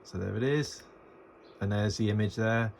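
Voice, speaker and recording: An amateur radio hobbyist films a tutorial on a handheld phone, casually walking through his screen and gear while thinking aloud in a hesitant, unscripted way. His voice is fairly low, gravelly and a little mellow, at a moderate pace, and the recording is noisy.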